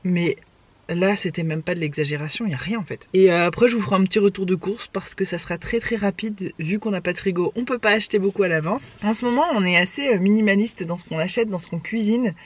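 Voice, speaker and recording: Hoarse, chatty young woman vlogging. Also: medium pitch, fast. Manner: chatty, self-mocking, rambling. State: hoarse, just woken up. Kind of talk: casual vlog chat. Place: home in the morning, then driving a car.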